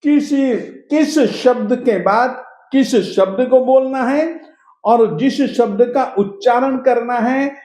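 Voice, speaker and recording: A man teaching how to pronounce a Sanskrit hymn. He repeats each word slowly, spells out its syllables and sometimes chants the verse in a sing-song way. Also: extremely high pitch, mellow, roomy sound. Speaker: recitation teacher. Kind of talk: slow pronunciation lesson of a Sanskrit hymn.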